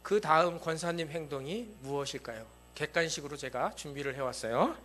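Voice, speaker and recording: A man's voice: fairly high pitch, a little fast, a bit bright. A male pastor preaching a sermon in a church. He speaks emphatically and keeps asking the congregation rhetorical questions. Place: church sanctuary.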